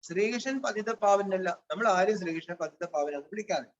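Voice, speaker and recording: A man's voice: sits high, brisk. A man giving a devotional spiritual discourse. He reads a line, then explains it in plain words. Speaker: Brahma Kumaris spiritual teacher. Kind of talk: devotional discourse reading Hindi lines and explaining in Malayalam. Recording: dull, lo-fi with faint hiss.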